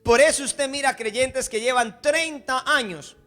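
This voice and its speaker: A man's voice: very high voice, unhurried, fairly bright tone. A man pastor preaching a sermon with passion, acting out the voices of the people he quotes.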